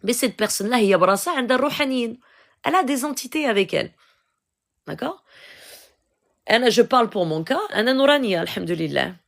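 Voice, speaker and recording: Her voice is a little high and gravelly, with lively intonation, a very fast pace, and long pauses. This middle-aged Moroccan-accented woman advises viewers on her live stream, switching between languages and often dropping in "euh" and "d'accord?"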